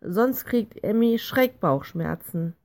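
A woman's voice: mid-range voice, expressive, slow, a little mellow. A woman voicing a kind, magical pig creature who comforts the children, in a storybook reading. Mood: gentle.

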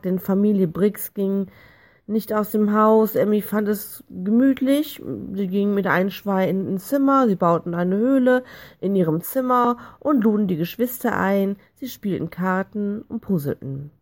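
Calm woman reading a children's story. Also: mid-range voice, a little slow. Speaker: audiobook reader.

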